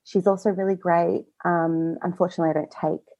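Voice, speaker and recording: Chatty woman guest, low and lo-fi. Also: steady tone, brisk, dark tone. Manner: chatty, many fillers and self-quotes. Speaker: podcast guest. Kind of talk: casual personal interview. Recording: slightly dull lo-fi audio.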